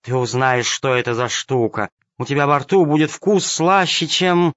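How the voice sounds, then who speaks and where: A man voicing a bold, sharp-tongued lame female cat in a storybook reading, on a dull, dry recording. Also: mid-range voice, lively intonation, normal speed, no room sound, natural voice. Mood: teasing. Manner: scolding, teasing.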